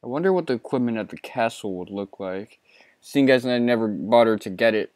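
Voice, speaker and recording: A man's voice: medium pitch, animated, fairly quick, darkish tone, no echo. A man in his thirties giving casual, profane, self-mocking commentary while playing a game. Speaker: let's play host.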